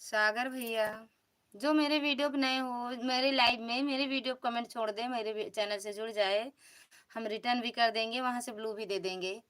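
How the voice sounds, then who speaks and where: Chatty bright-voiced Awadhi woman livestreaming. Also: a little high, steady tone, moderate pace. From Uttar Pradesh, India. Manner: chatty, teasing, repeats greetings to each viewer. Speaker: live stream host. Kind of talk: casual live chat greeting viewers. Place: home.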